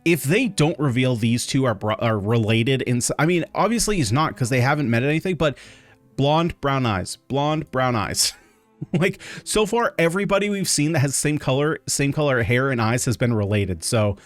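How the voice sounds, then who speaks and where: A man's voice: mid-range voice, lively intonation, fairly quick, hardly any pauses, dry recording, soft background music. A man hosting a gaming video, talking through gameplay in a loose, rambling way with many fillers. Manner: rambling, filler-heavy explaining. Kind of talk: casual gameplay commentary.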